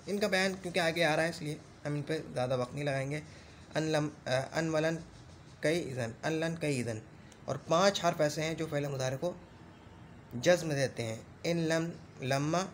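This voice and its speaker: A man teaching Arabic grammar in a classroom lesson, reciting lists of rules slowly and repeating them, and checking in often as he explains. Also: on the high side, a little hiss or hum. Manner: explains patiently with frequent check-ins.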